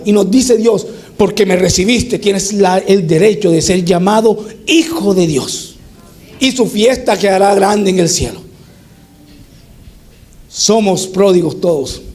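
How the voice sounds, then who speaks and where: Very high-voiced male preacher. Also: a little hiss or hum. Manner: animated storytelling, acting out the scenes. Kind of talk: sermon.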